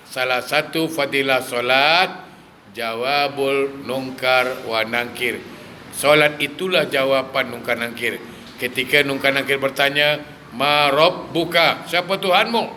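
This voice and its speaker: A male preacher gives a lively sermon, firing rhetorical questions at his listeners and mixing in humor. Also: medium pitch, slight background noise. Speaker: religious preacher.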